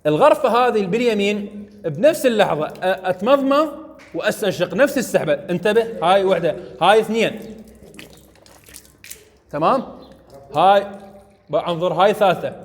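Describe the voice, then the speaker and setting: High-voiced Iraqi man teaching in echoey hall. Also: animated, brisk, long pauses. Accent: Iraqi Arabic. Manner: coaxing, keeps checking understanding. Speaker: mosque teacher. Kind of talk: hands-on religious lesson to students. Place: mosque ablution area.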